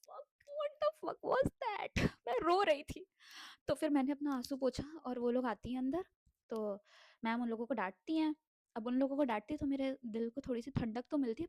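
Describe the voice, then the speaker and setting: A young woman telling a casual storytime about her school days, animated, swearing freely and mixing in English words. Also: high-pitched, no echo.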